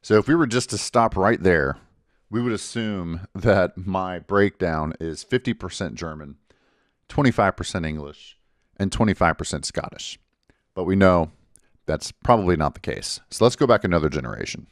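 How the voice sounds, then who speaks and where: A man with a very low voice hosts a genealogy vlog in a casual, explanatory way. He works through the numbers step by step, methodical and clear. The sound is dry and close, with no room echo. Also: expressive, normal speed. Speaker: genealogy channel host.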